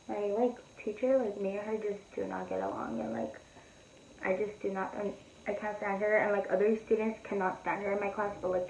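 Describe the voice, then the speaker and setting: Gravelly teen girl ranting in an echoey room. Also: mid-range voice, muffled recording, a little hiss or hum. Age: teens. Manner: rambling, filler-heavy, profane and blunt. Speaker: beauty vlogger. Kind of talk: casual storytime chat while doing makeup.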